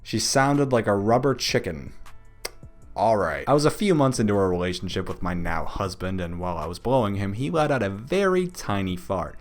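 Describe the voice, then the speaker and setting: A man's voice: lowish voice, animated, normal speed, faint music behind. A man reading out anonymous Reddit stories, adding joking asides and often breaking into laughter. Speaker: Reddit story narrator.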